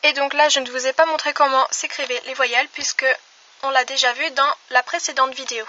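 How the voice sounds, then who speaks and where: A woman giving an online language lesson, explaining sounds patiently and step by step with small pauses. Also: sits high, fairly even intonation, bright, forceful tone. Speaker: language teacher. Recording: slightly dull recording with faint hiss.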